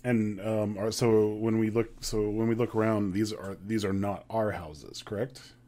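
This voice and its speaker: Slow, mellow-voiced male player. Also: lowish voice, steady tone. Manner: halting, repeats words. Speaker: tabletop game player. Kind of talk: casual chat.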